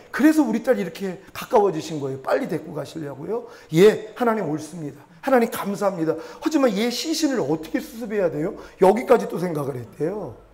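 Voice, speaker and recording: A man's voice: high-pitched, gravelly. A middle-aged man, a pastor, preaching a sermon and telling a personal testimony with emotion, acting out prayers and quoted voices.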